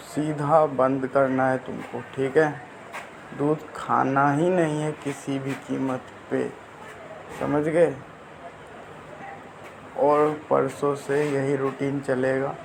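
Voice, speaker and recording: A man's voice: a little high, creaky. Firm man listing rules, noisy room. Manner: firm, lists instructions point by point. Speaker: spiritual mentor. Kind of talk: personal instruction. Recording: noisy background.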